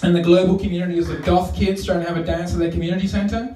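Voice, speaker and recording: An Australian man with a notably high voice performs stand-up, rambling and mocking himself with plenty of fillers. He is picked up from a distance on a live club stage, and the room adds a clear echo. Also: little pitch movement, rapid-fire, mellow. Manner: rambling, self-deprecating, many fillers. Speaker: stand-up comedian. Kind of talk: stand-up comedy set. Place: comedy club stage, indoors. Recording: roomy live club sound from far off.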